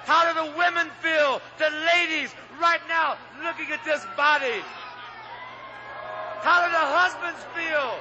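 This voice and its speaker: Wrestling promo man, boastful and taunting, slow and drawn out, muffled lo-fi sound. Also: very high voice, sharp tone. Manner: boastful, taunting rhetorical questions. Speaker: pro wrestler. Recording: dull lo-fi arena audio, crowd behind.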